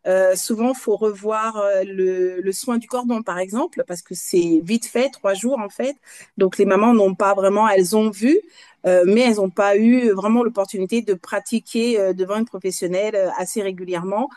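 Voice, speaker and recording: A woman in her fifties from Guadeloupe, a night nurse answering interview questions in a halting way, pausing often to find her words. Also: medium pitch, darkish tone. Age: 50s. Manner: halting, searching for words between pauses.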